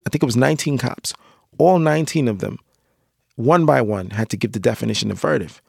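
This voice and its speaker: A man's voice: medium pitch, a little fast, vocal fry, darkish tone, slightly rough, no echo, studio quality. A young man, a police officer, giving an emphatic personal account in an interview and repeating phrases for weight. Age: young adult.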